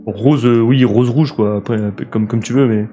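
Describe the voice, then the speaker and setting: A young man from France giving lively, swear-filled commentary while building roads in a city game and answering his chat. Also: mid-range voice, normal speed. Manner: excitable, swears a lot, talks to chat. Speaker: streamer. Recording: faint guitar music behind.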